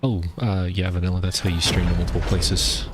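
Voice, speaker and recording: Pria streamer bersuara sangat berat. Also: male voice, level tone, a little fast, background noise. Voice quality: deep voice. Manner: rambling, explains while playing, many fillers. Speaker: gaming streamer. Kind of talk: casual gameplay chat. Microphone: streaming microphone.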